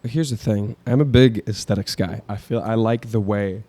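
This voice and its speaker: Dark-voiced young man with deadpan humor. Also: fairly low pitch, moderate pace. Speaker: podcast co-host. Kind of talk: casual chat.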